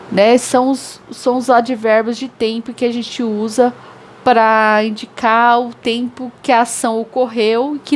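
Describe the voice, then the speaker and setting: A woman whose first language is Portuguese teaches English grammar in a recorded lesson, speaking in a slightly high voice. She explains patiently, spells out examples slowly and keeps checking in with her students. A faint hiss of background noise sits under the recording. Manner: explains slowly, repeats examples, often adds "tá?".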